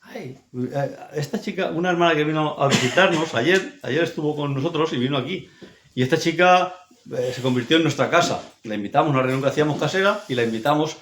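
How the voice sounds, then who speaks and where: A man's voice: fairly high pitch, fast, fairly bright tone. A man from preaching a sermon, emphatic and repetitive, often checking in with his listeners. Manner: emphatic, repetitive, frequent tag questions. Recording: echoey church hall.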